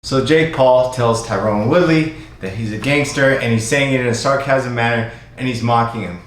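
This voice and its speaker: A man's voice: medium pitch, normal speed, a little hiss or hum. A man hosting his own channel, explaining fight clips in a casual, repetitive recap. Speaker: YouTube commentator. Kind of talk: casual commentary over clips. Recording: very echoey room.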